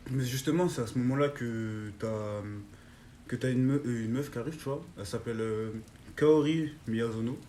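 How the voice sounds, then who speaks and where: A man's voice: mid-range voice, brisk, warm tone, reverberant, a little hiss or hum. A young man, a guest, telling an anime story in slangy casual chat, forever checking in with the listener. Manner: slangy storytelling with constant "tu vois".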